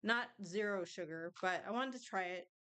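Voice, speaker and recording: A woman at an ordinary pitch talks casually as a tarot reader. She rambles and chats, with little asides while she eats. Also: normal speed, pushed and bright, clean tone. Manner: chatty, rambling, tastes food on camera. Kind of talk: casual chat and tarot reading.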